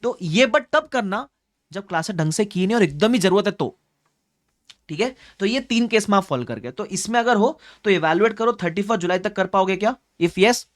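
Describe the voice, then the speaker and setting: A man's voice: sits high, dry recording. A young man coaching exam students, talking directly and like an older brother, often checking that they follow. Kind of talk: advice talk to students, mixing in English phrases.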